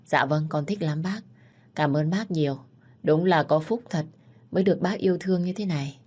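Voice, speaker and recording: A woman's voice: low voice, normal speed, a little mellow. A woman voicing a scheming, two-faced young woman who talks sweetly and shrilly. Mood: sugary.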